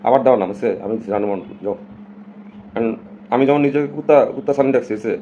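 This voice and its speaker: A man's voice: medium pitch, fast, mellow, lo-fi sound, a little hiss or hum. A man from Bangladesh, talking casually and emphatically to his viewers on a live stream and slipping English phrases in.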